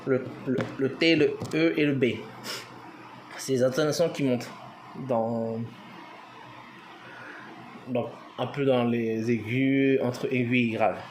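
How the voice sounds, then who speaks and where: A man's voice: medium pitch, steady tone, takes it slowly, pauses often, slight background noise. A man giving an informal language lesson, hesitant with many fillers, spelling words out letter by letter. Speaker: language teacher.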